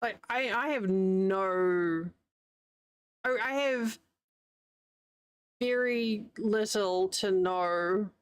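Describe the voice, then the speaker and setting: Crocheting at home in the United States, a streamer from New Zealand chats with her live audience in her native accent, rambling and laughing often. She speaks very slowly with frequent pauses, in a clear, resonant, medium-pitched voice on a dry recording.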